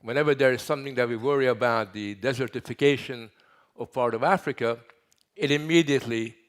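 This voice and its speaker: An older man from Hungary speaking at a conference lectern on a headset mic, emphatic, building lists with pauses. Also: mid-range voice. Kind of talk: welcome speech at a conference.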